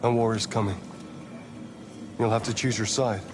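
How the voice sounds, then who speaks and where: An actor playing a calm, cerebral, manipulative man in a video game, speaking in a measured, philosophical way. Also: on the low side, close to an everyday voice. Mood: calm, probing. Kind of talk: dramatic video game acting. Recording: loud ambient noise behind voice. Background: loud ambience.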